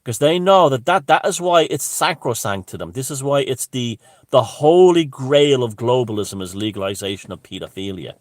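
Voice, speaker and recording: Irish male commentator, mid-pitched and emphatic, opinionated off-the-cuff monologue, profane, very dry acoustic. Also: lively intonation, normal speed, no echo. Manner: emphatic, profane, with broken restarts.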